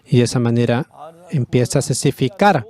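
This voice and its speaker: Man, pastor, fervent sermon delivery, rising emphasis, middle-pitched voice. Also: brisk, a little mellow. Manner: impassioned preaching, voice rising on key words.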